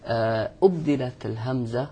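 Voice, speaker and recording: A man's voice: mid-range voice, normal speed, mellow, slightly rough. A man hosting a recitation lesson, prompting the teacher with questions and brief affirmations. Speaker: program host. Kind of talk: guiding a lesson conversation.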